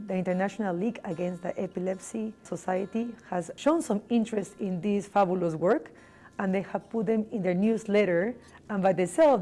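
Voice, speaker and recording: A woman's voice: medium pitch, dark tone. A middle-aged woman from Peru with a Peruvian Spanish accent, a neurology professor speaking earnestly in an interview, with small grammar slips. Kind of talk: interview monologue. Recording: faint music underneath.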